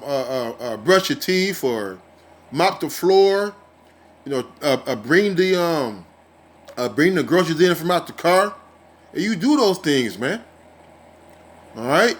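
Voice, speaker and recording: A man teaching from scripture in a casual, heated style, reading verses and then ranting with profanity and many fillers, often ending his phrases with "man". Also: high voice. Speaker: street preacher.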